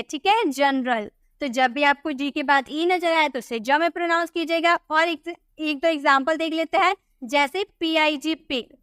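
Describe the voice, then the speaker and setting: A woman teaching English pronunciation in a tutorial, explaining rules patiently, asking rhetorical questions and repeating example words slowly. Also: sits high, a bit bright, no echo, studio quality.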